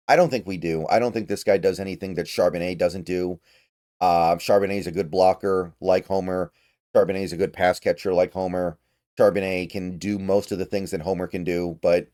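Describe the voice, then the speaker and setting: A man's voice: deep voice, dark tone. A tired man hosting his own sports channel, casually talking through player signings and hedging his opinions. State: tired, yawning. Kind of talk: casual sports analysis monologue.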